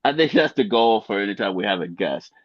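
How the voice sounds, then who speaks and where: Joking low-voiced man, dull lo-fi sound. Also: animated, brisk. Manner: joking, rambling, laughs at his own jokes. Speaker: co-host. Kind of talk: casual podcast chat.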